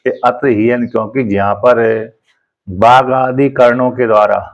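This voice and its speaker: A man teaching a Sanskrit scripture commentary, reading each phrase slowly and then explaining it in plain conversational speech. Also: mid-range voice, steady tone, dull audio.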